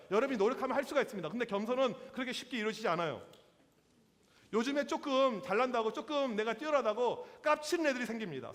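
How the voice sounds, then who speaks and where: A man in his forties preaching to teenagers as a youth pastor, lively and slangy, acting out quotes in different voices. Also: very high-pitched. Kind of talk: sermon to teenagers. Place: church hall. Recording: long hall reverb.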